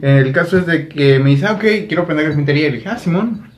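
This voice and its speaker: Copresentador mexicano, habla rápida y relajada, voz algo aguda. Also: male voice, a little high, racing, noisy background. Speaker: podcast co-host, carpenter. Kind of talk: casual chat.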